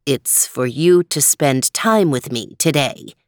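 A small green storybook frog, polite and patient, voiced by a woman who drops into a deep, unhurried register. He talks slowly and low, over a dry, close sound with no room echo. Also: animated, darkish tone, exaggerated voice. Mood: calm, earnest.

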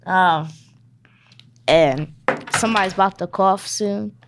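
A woman's voice: medium pitch, slow pace, noisy background. A young woman improvising a silly role-play game, playful and joking. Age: teen or young adult. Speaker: podcast guest.

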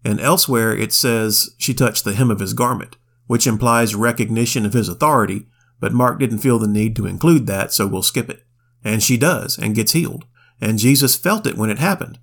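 A man's voice: lowish voice, moderate pace, creaky. A man co-hosting a casual Bible study podcast, retelling scripture in folksy slang and quoting old King James wording. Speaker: podcast co-host reading the Bible.

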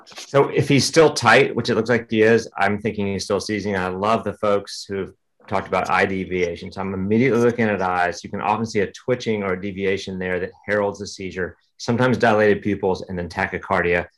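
A man's voice: deep voice, fairly even intonation, a little fast, low-quality recording. A man speaking as a physician panelist in an online case discussion, direct and practical, laying out his assessment step by step. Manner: direct and practical, lists steps. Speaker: critical care physician panelist.

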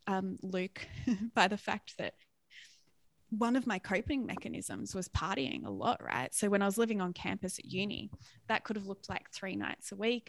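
An Australian woman in her thirties with a gravelly edge of vocal fry in her voice, recorded close and dry with no room sound. She speaks frankly and reflectively, laughing easily as she tells her story. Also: mid-range voice, dry recording. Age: 30s. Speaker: guest. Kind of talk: candid personal story in a podcast interview.

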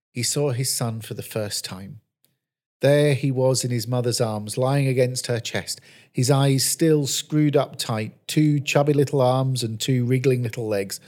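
A man preaching, telling a Bible-based story in a measured, earnest storytelling manner. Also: mid-range voice, darkish tone. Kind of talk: scripted sermon narration.

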